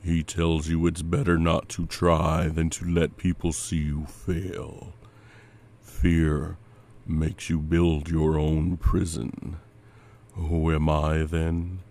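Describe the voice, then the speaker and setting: A cold, patient demon, as a man puts him on, speaks with menacing courtesy in a very deep, dark, mellow voice. His delivery is slow and unhurried, with hardly any rise or fall. It is a scripted dramatic monologue. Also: flat delivery, full character voice. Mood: quietly menacing.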